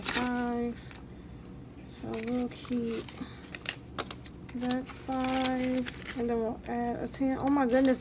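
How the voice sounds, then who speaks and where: A woman with a fairly high voice hosts a casual vlog at an unhurried, slow pace. Her words are shaped a little oddly by newly fitted braces as she chats and counts along. There is faint noise in the background. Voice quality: slightly altered articulation from new braces. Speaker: vlog host. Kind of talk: casual chat while counting cash and cards.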